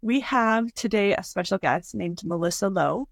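A woman's voice: mid-range voice, normal speed, vocal fry, dry recording. A woman hosting a podcast interview, asking friendly, eager questions. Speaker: podcast host.

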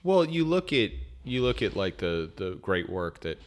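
Man, very low voice, podcast guest, casual chat, animated, lots of restarts. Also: normal speed. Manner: animated, acts out quotes, frequent restarts.

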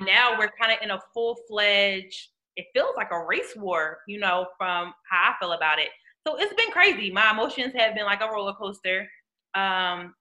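A woman's voice: medium pitch, bright, forceful tone, poor audio. A woman co-hosting a talk show in a casual, conversational style. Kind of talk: casual chat.

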